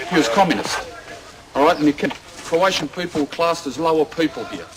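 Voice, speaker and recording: A man from Australia, speaking bluntly and excitedly as a volunteer soldier in a frontline field interview outdoors. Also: on the high side, rough recording. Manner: blunt, excited, switching mid-sentence. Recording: archive field recording with crowd noise.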